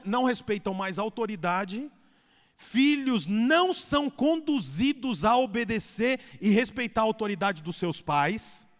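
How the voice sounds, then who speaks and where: A man preaching a sermon as pastor, swinging between loud and hushed delivery. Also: extremely high pitch. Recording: echoey hall reverb.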